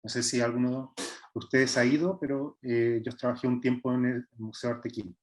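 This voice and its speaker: A Chilean man in his thirties, a visual artist, explains his work in an online workshop. His voice sits at an ordinary middle pitch, and he speaks hesitantly, often pausing on filler sounds and starting his sentences over. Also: little pitch movement, darkish tone. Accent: Chilean Spanish. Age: 30s. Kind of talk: online art workshop presentation.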